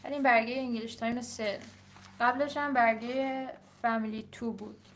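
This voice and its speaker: A young adult woman with a Persian accent, an English teacher talking casually while she grades her students' papers, reading items aloud slowly and then explaining quickly. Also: a little high, steady tone, a bit bright, slight background noise. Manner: switches between slow read-aloud and quick explaining.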